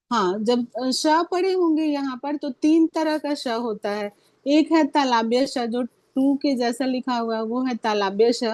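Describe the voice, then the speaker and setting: A woman teaching fellow teachers over a video call, walking through each point patiently and stopping to ask rhetorical questions. Her voice sits a little high. The sound is close and dry, with no room around it. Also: a little mellow, no echo. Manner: patient, explanatory, asks frequent rhetorical questions. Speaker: Hindi teacher training other teachers. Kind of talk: online teacher-training class.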